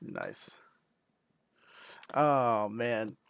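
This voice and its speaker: A man co-hosting a ham radio livestream in casual chat. He is easygoing, often makes soft-spoken asides and laughs readily. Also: on the low side, wildly swooping pitch, extremely slow, creaky, clean tone, dry recording. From United States.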